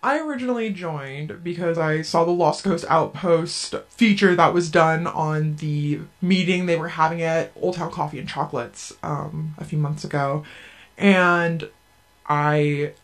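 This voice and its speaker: An anonymous guest in a radio interview, speaking in an earnest, measured way through an electronic voice disguiser. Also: medium pitch. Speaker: anonymous guest, group member.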